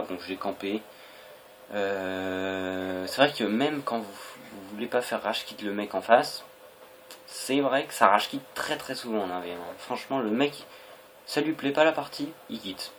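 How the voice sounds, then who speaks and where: A young man with a fairly low voice commentates casually on a video game. His delivery is hesitant and rambling, and the homemade recording has clear noise behind the voice. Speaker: gaming video creator.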